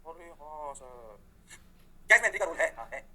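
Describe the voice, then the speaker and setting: Fast, bright-voiced physics teacher. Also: male voice, a little high. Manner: energetic, asks questions and answers them himself, voices the students' replies. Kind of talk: lively classroom lecture.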